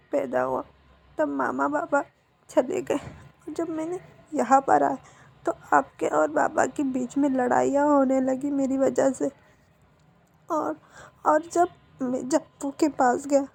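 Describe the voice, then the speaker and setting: A woman's voice: high voice, gravelly, mellow, slightly rough, full character voice. A woman voicing a remorseful young man who begs his mother's forgiveness, tearful and stammering.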